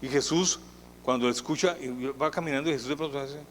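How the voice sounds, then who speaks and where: A man preaching a sermon as pastor, in a conversational, animated way that acts out the people he quotes. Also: fairly high pitch, a little fast, long reverb tail, slight background noise, low-quality recording. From Colombia. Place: church hall.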